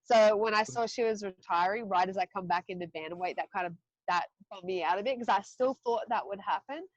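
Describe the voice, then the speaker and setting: An Australian woman in her thirties speaks briskly in a medium-pitched voice, recorded with poor audio and no room sound. She's a podcast guest in a casual interview, chatting candidly and loosely with swearing and laughing asides.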